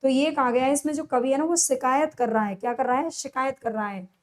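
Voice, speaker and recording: A woman teaching a lesson for competitive exams. She asks each question, answers it herself, and repeats the key answers slowly with stress. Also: sits high. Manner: drawn-out, stressed delivery on answers. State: sore throat. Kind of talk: exam-prep lesson, solving multiple-choice questions.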